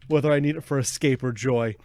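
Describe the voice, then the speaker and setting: A man's voice: mid-range voice, a little mellow. A man co-hosting a casual gaming podcast, chatting playfully and joking with his co-host. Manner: playful, jokey, reads ad copy with mock drama.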